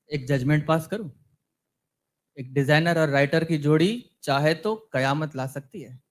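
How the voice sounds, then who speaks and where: A man's voice: fairly high pitch, slow pace, pauses often. A man playing a talkative young content writer on a date in a scripted comedy sketch, preachy and fawning.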